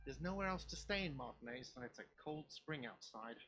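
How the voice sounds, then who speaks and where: A man's voice: mid-range voice, animated, brisk, noisy background, lightly acted. A man voicing an irritable, whiny cafeteria manager in a video game, petulant and exasperated. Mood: irritated.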